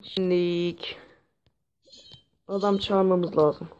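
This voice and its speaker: Man with sore throat, gameplay commentary, unhurried talk, dark tone, dull lo-fi mic. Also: sits high. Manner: excitable, swears at the game. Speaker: gaming channel host. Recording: dull lo-fi mic with faint hiss.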